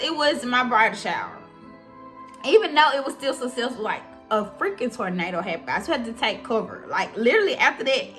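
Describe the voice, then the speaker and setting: A woman's voice: a little high, bright, forceful tone. A young woman vlogger in casual storytelling, chatting expressively and speaking straight to her viewers.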